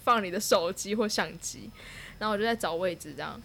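A woman telling a personal travel story in a casual chat, laughing often and pausing to search for words. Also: medium pitch, creaky, pushed and bright, slight background noise.

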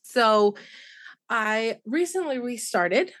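A woman's voice: on the high side, animated, takes it slowly, fairly bright tone, dry recording, clean studio sound. A woman co-hosting a true crime podcast, chatting casually and rambling with fillers and laughs. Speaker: podcast co-host. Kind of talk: casual chat.

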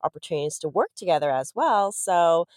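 A woman in her thirties from Southern California, telling her story as a podcast guest in a chatty, animated way. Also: on the low side, brisk, no echo, studio quality. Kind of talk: casual interview storytelling.

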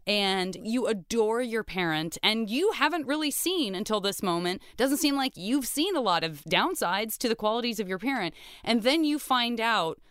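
A woman hosting a casual recap chat in an expressive, emphatic way. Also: a little high, normal speed, clear, resonant tone, no echo, studio quality. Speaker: podcast host.

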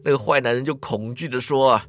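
A man narrating a dramatic story, lively, with drawn-out particles and spoken sound effects. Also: medium pitch.

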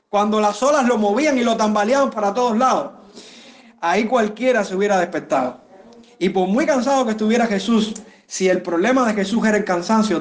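Male pastor, higher-pitched voice, expressive sermon delivery aimed at the congregation. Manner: expressive preaching, pitch rising and falling for emphasis; addresses listeners directly.

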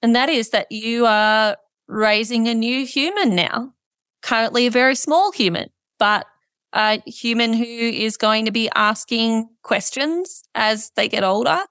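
A woman's voice: mid-range voice, a bit bright, smooth. A woman, presenting as a podcast host in a polished, conversational style.

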